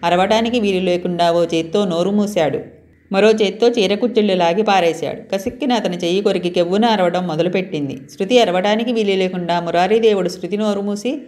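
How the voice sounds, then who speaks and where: A woman reading a story aloud in a calm, steady manner, as a storyteller. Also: mid-range voice, fairly quick.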